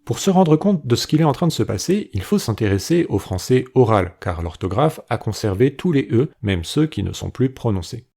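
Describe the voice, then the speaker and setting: A man giving a scripted educational narration about linguistics, explaining clearly and saying sample phrases aloud to show how they sound. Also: medium pitch, very animated, moderate pace, hardly any pauses, dark tone. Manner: clear explanatory delivery, demonstrates pronunciations.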